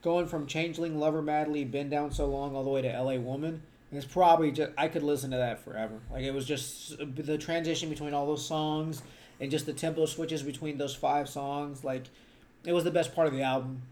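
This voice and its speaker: A man's voice: fairly high pitch, steady tone, fairly quick, a little mellow. A young man in casual chat as a podcast co-host, tipsy after a few beers, blunt and swearing casually, with lots of "like".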